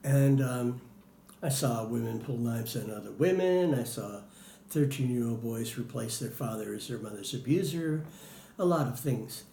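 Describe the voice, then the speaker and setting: A man's voice: medium pitch, normal speed, gravelly, warm tone. Man interviewee, hesitant, filler-heavy, roomy recording with faint hiss. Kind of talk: casual interview answers.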